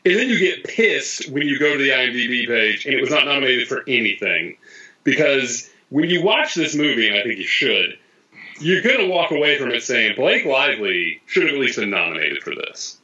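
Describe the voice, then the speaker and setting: A man's voice: mid-range voice, big pitch swings, fairly quick, sharp tone, muffled recording. A man co-hosting a casual podcast, chatting and growing enthusiastic. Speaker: podcast co-host. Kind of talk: casual chat.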